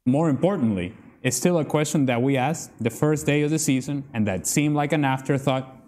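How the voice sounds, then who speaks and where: A man speaking in a measured, questioning way on a TV football panel. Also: medium pitch, a little mellow. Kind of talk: TV studio punditry.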